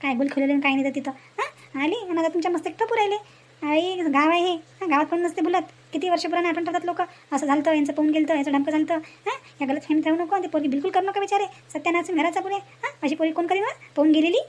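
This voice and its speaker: In a comedy cartoon, a woman plays a gossipy, indignant village woman, scolding and chattering in a rural Varhadi Maharashtrian accent. Her voice is very high and quick, and the exchange is animated cartoon dialogue in rural dialect.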